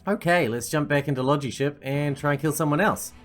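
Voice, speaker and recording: A woman's voice: low voice, fairly quick, faint music behind. A woman doing a let's play, reading game narration aloud and adding casual commentary.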